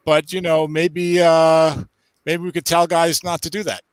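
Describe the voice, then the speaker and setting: A man's voice: fairly high pitch, level tone, a little slow, no room sound. A man hosting a casual league chat, teasing his friends with stammering starts.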